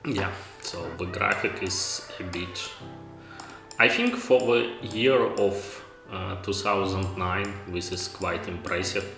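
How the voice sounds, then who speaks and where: A man's voice: deep voice, fairly even intonation, slow pace, creaky. A man giving casual live-stream commentary, hesitant and thinking aloud in non-native phrasing. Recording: roomy echo with music behind. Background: game music.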